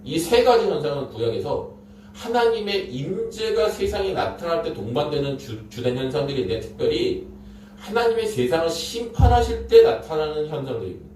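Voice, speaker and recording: In a Korean sermon, a man tells the story dramatically and emphatically, repeating phrases for effect. His fairly high, slightly mellow voice swings widely in pitch at a moderate pace, recorded from a distant mic in an echoey room with faint noise.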